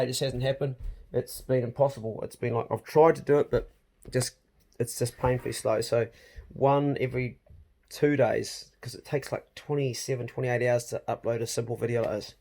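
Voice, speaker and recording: Mellow man with a broad Kiwi accent. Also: mid-range voice. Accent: broad New Zealand. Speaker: vlog host. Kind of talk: casual vlog chat.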